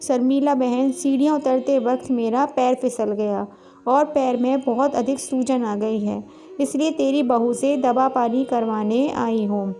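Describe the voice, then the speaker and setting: A woman's voice: high voice, steady tone, measured pace, warm tone. A woman voicing a neighbor woman with a hurt foot in a storybook tale, talking in a pained, complaining way. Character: limping neighbor woman in pain.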